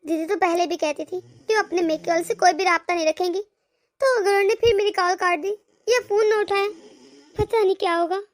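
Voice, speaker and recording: Woman doing a gentle, soothing young bride. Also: extremely high pitch, fairly even intonation, brisk, voice pushed down. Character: gentle caring young daughter-in-law, calm. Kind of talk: cartoon voice acting.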